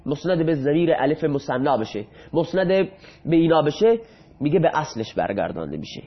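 A man's voice: a little high, very animated, husky. A man teaching an Arabic grammar lesson in Persian, asking questions and answering them himself as he drills verb forms aloud. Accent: Iranian Persian. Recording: dull lo-fi classroom recording.

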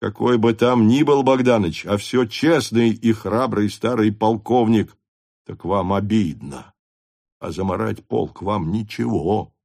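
A male narrator plays an older cavalry staff captain, stern, honest and proud of his regiment. He lectures with earnest reproach in a lowish voice, recorded close and dry. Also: unhurried, gravelly, darkish tone, no room sound. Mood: reproachful.

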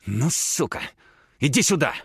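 A man voicing a crude, aggressive young thug who talks rough and sarcastic. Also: medium pitch, big pitch swings, unhurried, no echo, clean studio sound, voice pushed up, heavily acted. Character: aggressive, foul-mouthed young male thug.

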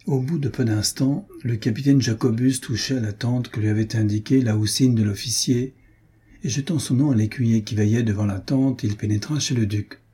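A man narrating a novel as an audiobook, in a measured, deliberate reading. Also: medium pitch, fairly even intonation, dark tone, breathy edge.

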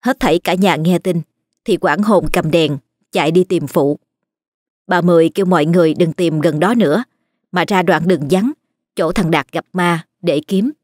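A woman with a Southern Vietnamese accent narrating a ghost story in a steady, plain way. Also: lowish voice, normal speed, dry recording, studio quality.

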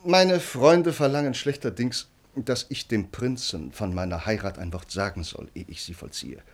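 In a formal, declamatory classical German radio play, a male actor portrays an earnest, brooding count who is a devoted bridegroom. He speaks at normal speed in a natural, medium-pitched voice, sounding agitated and gloomy.

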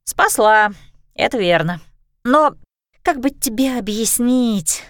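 A woman reading a storybook, voicing a chatty, excitable female dragon in a high, bubbly voice. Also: slow pace, no echo, studio quality. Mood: explaining.

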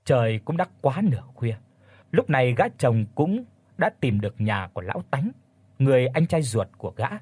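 A man's voice: mid-range voice, very animated, moderate pace, darkish tone, slightly rough, no room sound. A man narrating a horror audiobook with dramatic storytelling.

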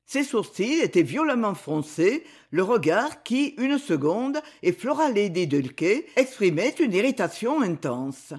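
A woman reads a classic romantic novel aloud in a measured way. Her narration has animated, lively pitch movement that keeps the prose expressive. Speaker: audiobook narrator.

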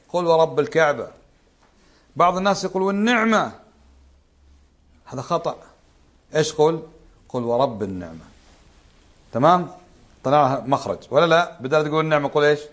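A man teaches a religious lesson, his voice sitting a little high. He talks fast and conversationally, often stopping to quiz his listeners with rhetorical questions. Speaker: Islamic scholar teaching a book.

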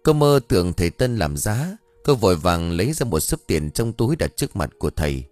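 A man narrating an audiobook story in a steady, even telling. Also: low voice, a little fast, no room sound, faint music behind.

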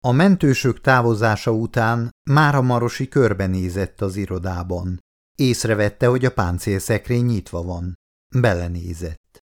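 A man reading an audiobook in scripted narration, with a steady, even delivery. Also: on the low side.

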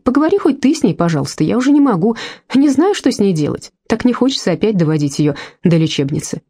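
A woman's voice: low voice, expressive, fast, dark tone. A woman voicing a weary, patient young husband in an audiobook, soothing and lightly ironic. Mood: tired, soothing. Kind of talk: audiobook character voice.

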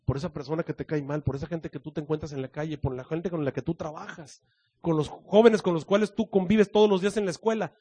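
A man with a Mexican accent voicing a patient God who reasons gently and softly with a prophet. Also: a little high, fast, breathy edge. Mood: gentle reasoning.

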